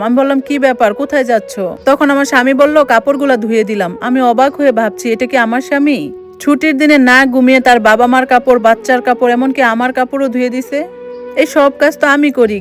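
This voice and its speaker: A woman telling a family story in the first person, in a measured, even way. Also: sits high.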